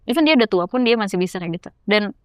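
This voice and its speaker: A young adult woman, a podcast guest, telling a personal story in a casual chat, lively and acting out the dialogue she recalls. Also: mid-range voice, rapid-fire, no room sound, studio quality. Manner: lively, acts out quoted dialogue.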